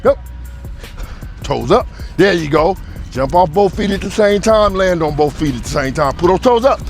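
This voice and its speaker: A man's voice: high-pitched, expressive, normal speed, soft background music. A man in his fifties who coaches athletes, calling out footwork drills and counting beats in an upbeat, instructive way. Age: 50s. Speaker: speed coach.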